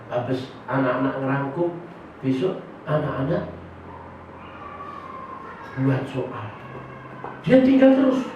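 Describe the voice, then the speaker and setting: A male pastor preaching a sermon to his congregation, jumping into loud high bursts and making humorous asides. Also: muffled recording. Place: church service held in a hotel hall. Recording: echoey hall, distant mic, noisy.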